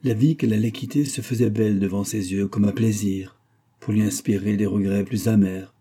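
A man reading a classic novel aloud in measured, expressive scripted narration. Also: lowish voice, breathy edge. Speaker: audiobook reader.

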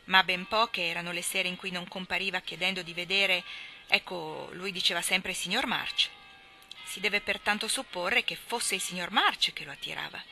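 Female audiobook reader, sharp bright tone, expressive and measured. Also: lowish voice, soft background music. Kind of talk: audiobook reading of a classic novel.

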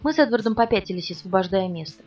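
A woman narrating an audiobook in the first person, in a restrained, quiet way. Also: medium pitch, lively intonation, quick pace. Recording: distant, muffled, soft music.

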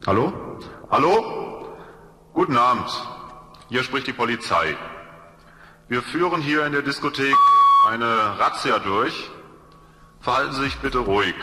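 Man announcing through a booming echoing loudspeaker. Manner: formal, calm, commanding. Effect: booming echo of a loudspeaker in a large hall. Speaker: police announcer. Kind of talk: public address announcement. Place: nightclub during a raid. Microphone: handheld microphone over a loudspeaker system. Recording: cavernous echo with loud dance music behind.

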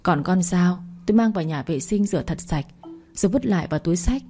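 Woman reading a bedtime story, kinda low mellow voice, calm. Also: brisk, breathy edge, faint music behind. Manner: calm first-person telling.

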